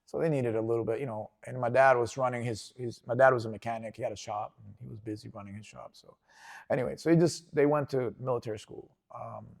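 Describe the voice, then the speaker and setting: A man's voice: mid-range voice, fast talker, gravelly. A man in his forties, originally from Venezuela, talks through his childhood in a loose, rambling interview style. He keeps circling back with fillers and restarts, easygoing rather than polished. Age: 40s. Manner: relaxed, rambling storytelling with frequent fillers and restarts. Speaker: jiu-jitsu instructor, guest. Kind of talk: casual interview.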